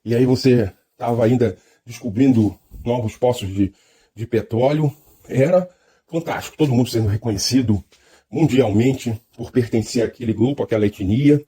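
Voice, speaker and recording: A man with a Brazilian Portuguese accent delivers a reflective, lecture-style monologue at a moderate pace. His mid-range voice has a dark, slightly rough tone, and he sounds thoughtful and hesitant, frequently restarting his phrases.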